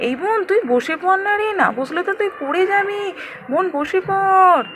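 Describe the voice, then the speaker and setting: A woman's voice: very high-pitched, animated, moderate pace, a bit bright, pitched above the performer's own voice. A woman voicing an older girl doll who coaxes her little sister and complains about pushing. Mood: coaxing. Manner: coaxing, complaining. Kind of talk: doll story voice acting. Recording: noisy home recording.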